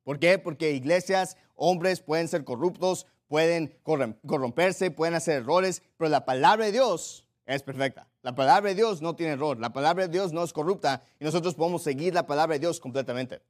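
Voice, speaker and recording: A man preaching with a fairly high voice. He drives his points home by repeating key phrases and slowing down when he stresses a verse. He keeps turning to his listeners with rhetorical questions. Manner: emphatic, repeats key phrases, slows down for scripture. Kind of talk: sermon.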